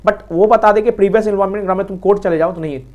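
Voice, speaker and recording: Fast-talking Indian man teaching law. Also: sits high, a little mellow. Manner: quick, repetitive, addresses students as sir. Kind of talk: fast exam revision lecture.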